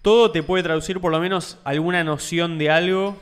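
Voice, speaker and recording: Argentine guy on a podcast, kinda high voice, smooth and clean, laid-back slangy explaining. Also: steady tone, brisk. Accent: Argentine Spanish. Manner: explanatory, loose slangy talk. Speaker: podcast co-host. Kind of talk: casual chat.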